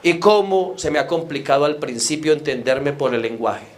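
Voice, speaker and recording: A Colombian man with a Colombian accent performing animated live stand-up comedy in a club, acting out other people's voices. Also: fairly high pitch, normal speed.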